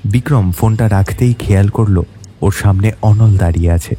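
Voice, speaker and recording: Low, mellow male story narrator. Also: moderate pace. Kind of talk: scripted narration of a detective story.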